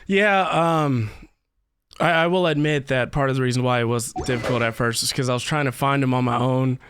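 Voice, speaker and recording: A man hosting a laid-back game livestream rambles and thinks aloud to viewers over video game music. His mid-range voice is smooth, a bit bright, and brisk, recorded with no room sound.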